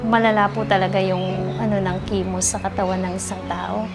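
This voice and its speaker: A woman giving a soft-spoken, earnest testimonial interview, politely answering an interviewer. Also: medium pitch, level tone, brisk. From Philippines. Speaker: interviewee, cancer survivor. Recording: music bed underneath.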